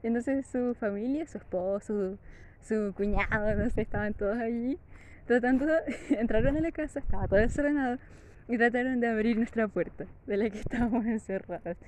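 A woman with a Chilean accent casually telling a story to camera, laughing often in a lively, chatty way. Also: a little high, a little fast, slight background noise. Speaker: vlogger.

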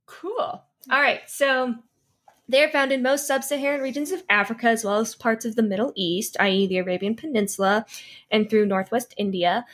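A woman's voice: a little high, fairly even intonation, a bit bright. A woman hosting a podcast, reading out animal facts and teasing her co-hosts. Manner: teasing, reads facts in a brisk, informative tone. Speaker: podcast host.

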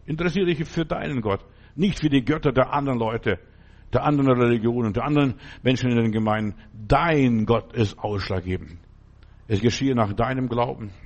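A male preacher giving a folksy, conversational sermon with big swings in pitch and frequent asides asking whether the listener follows. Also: darkish tone.

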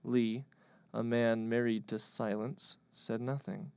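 A man narrating a mock-historical comic tale in a deadpan, mock-grand manner. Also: mid-range voice, takes it slowly, clear, resonant tone, dry recording.

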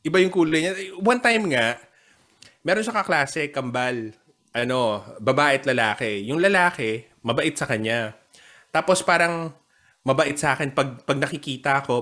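A man hosting a casual chat over a call, telling stories with jokes and frequent laughter. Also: medium pitch. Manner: joking, laughs often, animated storytelling. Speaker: podcast host.

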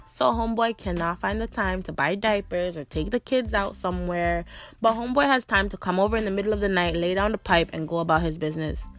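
This podcast host is a young woman whose voice sits low but has a bit of brightness. She rants bluntly in a monologue full of swearing and repeated "like"s.

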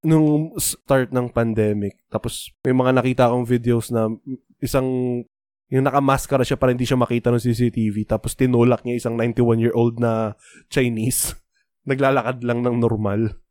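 A man's voice: medium pitch, fairly even intonation, normal speed, a little mellow, dry recording, studio quality. A man with a Filipino accent co-hosting a casual podcast, explaining at length and mixing Tagalog and English. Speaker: podcast co-host.

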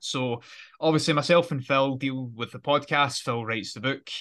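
A man's voice: medium pitch, moderate pace, fairly bright tone. A British man hosting a casual football podcast, chatty and rambling, correcting himself as he goes. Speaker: podcast host.

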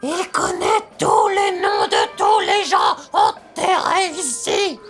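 A high, sly, gravelly crow. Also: male voice, wildly swooping pitch, slow, a bit bright, faint music behind, heavily acted. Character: sly gossiping crow, male. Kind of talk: audio drama acting.

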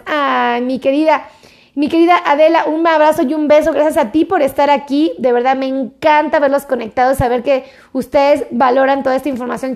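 A woman's voice: sits high, creaky, darkish tone. A woman doctor hosting a live stream, reading out viewer comments and greeting them with effusive affection.

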